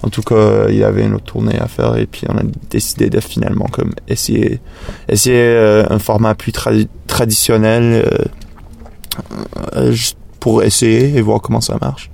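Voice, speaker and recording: Gravelly man with English-accented French. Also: fairly low pitch, lively intonation, dark tone. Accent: English-speaking foreign accent in French. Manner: halting, searching for words, non-native grammar. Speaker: musician being interviewed. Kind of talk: casual interview chat.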